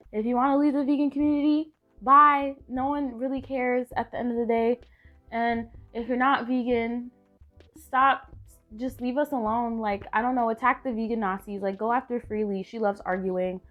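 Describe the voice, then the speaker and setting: A young woman with a fairly high voice rants from her bed, tired and sick, her talk full of "like" and exasperated asides. Faint music runs quietly behind her. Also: narrow, tinny audio. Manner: exasperated, filler-heavy rant full of "like". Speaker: vlogger. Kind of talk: casual ranting vlog.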